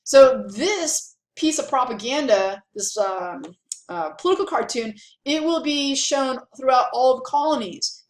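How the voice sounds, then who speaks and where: A woman's voice: fairly high pitch, echoey room. A woman teaching a history lesson in a chatty, casual way, with lots of fillers and asides. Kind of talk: casual classroom lecture.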